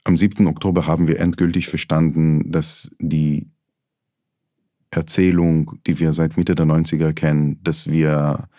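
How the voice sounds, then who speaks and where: Very deep-voiced man, halting and searching. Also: little pitch movement, mellow, no room sound, studio quality. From Israel. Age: 40s. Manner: halting, searching for words, many fillers. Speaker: author, guest. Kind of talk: thoughtful podcast conversation. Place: small studio. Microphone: desk microphone.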